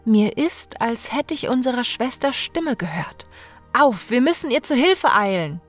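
A woman's voice: a little high, very animated, a little slow, soft background music, voice pushed up. A woman voicing a brave youngest brother who speaks urgently and reassuringly.

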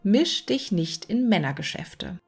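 Woman voicing a storybook hedgehog husband, male, cocky, curt, bossy, slow. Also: medium pitch, big pitch swings, vocal fry, darkish tone, husky, soft background music, exaggerated voice. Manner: curt, commanding.

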